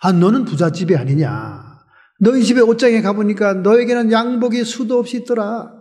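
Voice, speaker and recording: A pastor putting on a humble young man from a poor family who gently explains himself. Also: high voice, animated, fairly quick, big-room sound, pitched above the performer's own voice. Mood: gentle.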